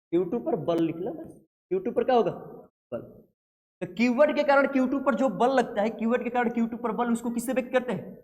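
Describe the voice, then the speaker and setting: A male physics teacher lectures to a class, keeps asking questions and answers them himself. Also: extremely high pitch. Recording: long hall reverb.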